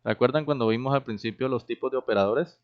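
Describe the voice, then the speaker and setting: A man with a medium-pitched, clear, resonant voice talks fast while teaching a programming class, explaining step by step and regularly checking that students are following. It's a classroom lecture recorded with dull, lo-fi sound.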